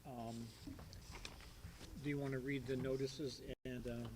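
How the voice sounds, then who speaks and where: A man's voice: mid-range voice, little pitch movement, a little slow, noisy background. A man chairing a town board meeting, speaking in an informal, hesitant way with many fillers and restarts. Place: town hall meeting room.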